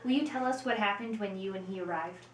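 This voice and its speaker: A woman's voice: mid-range voice, fast, a little hiss or hum, natural voice. A woman playing a composed talk show host, asking formal interview questions. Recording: echoey room.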